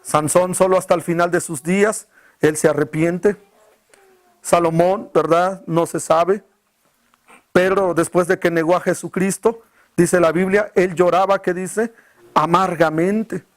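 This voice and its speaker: Preaching a sermon, a male pastor peppers the congregation with rhetorical questions. To emphasize key words, he lets his voice fall low and quiet.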